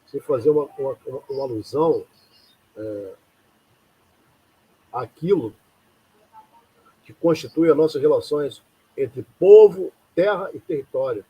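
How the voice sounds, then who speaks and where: Measured and expressive, with long pauses, this mellow, husky medium-pitched voice belongs to a lecturer from Rio de Janeiro, Brazil. He hosts a live talk in an informal, rambling way, often asking rhetorical questions, on a low-quality recording.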